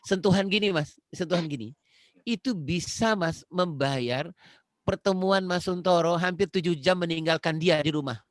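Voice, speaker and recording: Man from Indonesia, conversational lecturer on a video call, earnest and repetitive, slightly high, dry. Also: moderate pace, dry recording. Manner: earnest, repeats phrases, addresses listener directly. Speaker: parenting webinar speaker.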